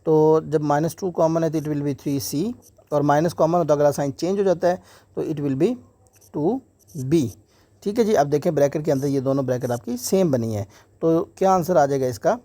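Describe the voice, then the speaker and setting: A man's voice: a little high, dark tone, no echo. A man teaching an exam maths lesson step by step, mixing English terms into Hindi and often saying "theek hai ji". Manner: slows right down when dictating English steps.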